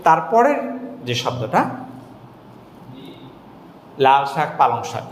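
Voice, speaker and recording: A man teaching English pronunciation in a casual, joking way, slowly repeating words to model how they sound. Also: mid-range voice, big pitch swings, roomy sound, big-room sound, a little hiss or hum. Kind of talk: casual spoken lesson.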